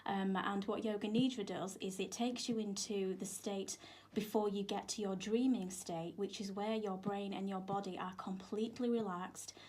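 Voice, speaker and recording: Her medium-pitched, darkish voice holds a steady tone at a moderate pace, with hardly any pauses. She's a yoga instructor as a radio studio guest, explaining informally and emphatically in interview talk, recorded clearly with studio background noise.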